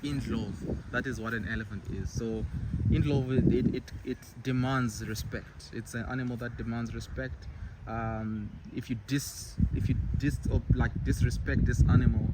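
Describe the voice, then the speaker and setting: A man from Zimbabwe, a bead artist, talking haltingly in a casual interview outdoors at a zoo. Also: mid-range voice, steady tone. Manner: halting, many fillers. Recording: loud outdoor background noise.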